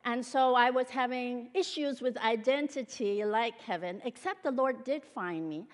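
Woman, guest preacher, earnest conversational sermon, slightly high voice, long hall reverb. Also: moderate pace. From Malaysia and Singapore. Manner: conversational, earnest, with frequent fillers. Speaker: guest speaker at a church. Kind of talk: sermon with personal testimony.

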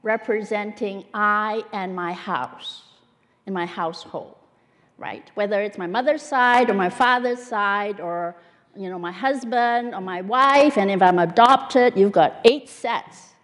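A woman's voice: mid-range voice, a little slow. Woman preaching in a reverberant church hall. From Malaysia and Singapore. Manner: conversational, earnest, with frequent fillers. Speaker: guest speaker at a church. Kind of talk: sermon with personal testimony.

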